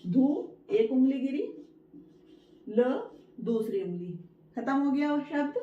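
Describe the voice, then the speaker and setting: Teaching Hindi dictation, a woman speaks in a high, bright, expressive voice, stretching each word out one syllable at a time with patient repetition. The recording has a roomy, slightly dull sound.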